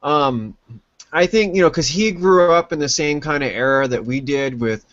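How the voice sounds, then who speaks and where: A man's voice: on the high side, moderate pace, fairly bright tone, no echo. A man co-hosting a podcast who rambles with lots of fillers and gives blunt opinions during casual chat. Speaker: podcast co-host. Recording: dry, dull lo-fi sound.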